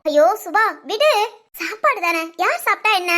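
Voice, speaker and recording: Woman voicing a very high, bright-toned cartoon young wife, excitable and whiny. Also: moderate pace, heavily acted. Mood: fretting. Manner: excitable, whiny complaints, giggly. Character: chatty young wife in a cartoon family comedy. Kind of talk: cartoon voice acting.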